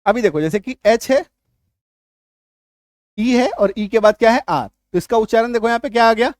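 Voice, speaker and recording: A male teacher giving a spoken lesson, repeating each point and quizzing the listener with quick questions as he drills lists of words. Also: very high-pitched, expressive, dry recording, studio quality. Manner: drills word lists aloud, one word at a time.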